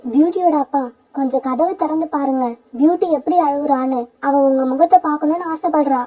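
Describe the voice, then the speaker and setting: A loyal, heartbroken mother sparrow in a cartoon, voiced by a woman, pleading and grieving. The voice is high and a bit muffled, with a lo-fi sound. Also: fairly quick, warm tone, lightly acted. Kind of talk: cartoon voice acting. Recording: dull lo-fi sound.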